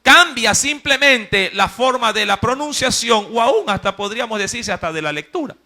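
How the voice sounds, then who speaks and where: A man preaching with a coastal Ecuadorian accent, his voice sitting high and ringing hard-edged and forceful. He keeps tossing questions back at his listeners. He swings between loud emphatic peaks and low asides. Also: expressive, normal speed. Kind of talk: sermon.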